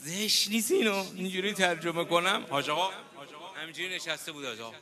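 A man preaching a mourning sermon, telling a story with quoted dialogue and building to loud lament. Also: high-pitched, crowd noise. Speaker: preacher reciting a mourning narrative.

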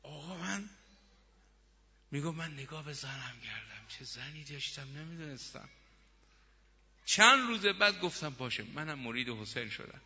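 A man's voice: fairly high pitch, big pitch swings, long pauses, sharp tone, full character voice. A man voicing a remorseful middle-aged husband who tells his story in a confessional first-person way, recorded muffled in a reverberant hall.

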